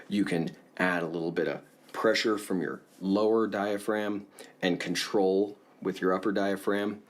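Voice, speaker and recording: A man teaching a casual singing lesson, explaining in a relaxed way and often checking in with the viewer. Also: low voice.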